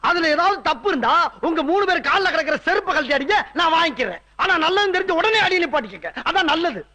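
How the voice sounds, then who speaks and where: An actor playing a swaggering middle-aged politician uncle who talks loudly and bossily in a radio drama. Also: male voice, very high-pitched, big pitch swings, fast talker, exaggerated voice. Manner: loud, swaggering, bossy.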